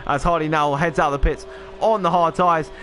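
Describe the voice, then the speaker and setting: A man's voice: fairly high pitch, fairly even intonation, brisk, fairly bright tone. Rambling man calling a sim race. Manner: rambling, self-deprecating, lots of fillers and "then". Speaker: lead race commentator. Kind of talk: live sim racing commentary.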